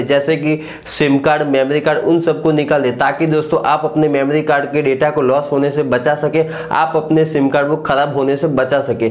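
A man in his thirties explains phone care straight to camera in an earnest, scripted way and keeps calling his viewers friends. His voice sits a little higher than most men's. It sounds close and clean, as if from a lapel mic in a small room. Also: darkish tone. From India. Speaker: tech YouTuber host. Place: small living room set, indoors.

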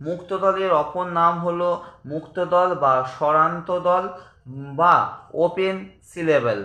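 Male teacher for a grammar lesson: slow, careful delivery, bright tone, echoey room. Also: on the high side. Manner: slow, drawn-out pronunciation of example words; addresses students as friends.

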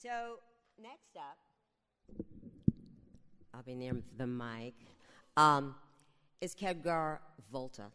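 A host introducing the next storyteller on a theater stage, unhurried with pauses. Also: medium pitch, sing-song, sharp tone, clear, resonant tone. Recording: live theater hall reverb.

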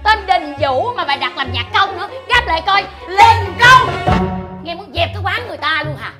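A cheeky young waitress, full of sassy back-talk. Her voice is very high, and loud music plays behind her in the film. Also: animated, normal speed. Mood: mocking.

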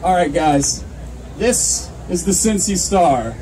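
A young man with a high, darkish voice and lively intonation emcees a contest at an outdoor fair, taking it slowly as he reads entry notes into a handheld mic over a PA before rallying the crowd. He's under a canopy tent, recorded from a distance by a camera mic amid noisy crowd chatter.

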